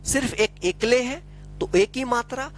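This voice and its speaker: A man teaching a lesson, explaining slowly and patiently, often asking a question and then answering it himself. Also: very high-pitched, a little hiss or hum. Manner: repetitive, asks questions and answers them himself; slow, patient explaining with frequent tag questions.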